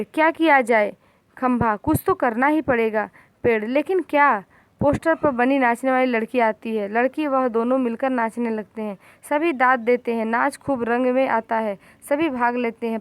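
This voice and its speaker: A woman with a slightly high voice reads a school play aloud, taking each role in turn. The sound is dry and close, with no room echo. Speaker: teacher reading a play aloud. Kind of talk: classroom reading of a play, voicing each part.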